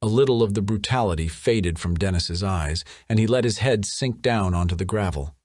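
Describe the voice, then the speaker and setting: Guy reading a thriller audiobook, low voice, dry close sound, steady pace. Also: normal speed, no room sound. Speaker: audiobook narrator. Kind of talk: scripted audiobook narration.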